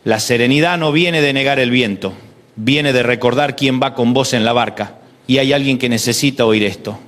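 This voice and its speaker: A man preaching a devotional sermon in a Rioplatense Spanish accent, emphatic, with rhythmic repetition and slow dramatic pauses. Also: mid-range voice, fairly bright tone.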